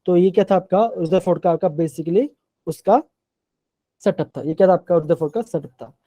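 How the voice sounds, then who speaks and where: Male teacher, live class, quizzes and repeats, mellow tone, dry sound. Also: high-pitched, moderate pace, dry recording. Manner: asks and repeats questions.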